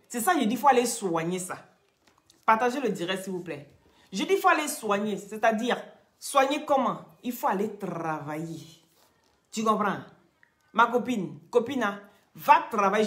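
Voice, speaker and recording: A woman's voice: medium pitch, a bit bright, echoey room. A woman from Cameroon with a Cameroonian French accent, talking on a live stream in a mocking, scolding way and repeating her points. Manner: mocking, scolding, repeats herself, breaks into laughs. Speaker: social media live streamer.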